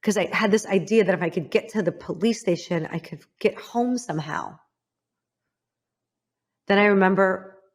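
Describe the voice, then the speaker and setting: A woman from the Midwest speaks in a slightly low voice as a podcast host recounting her own story. She talks candidly and haltingly, and her voice drops quiet at the painful parts. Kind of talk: personal storytelling to a guest.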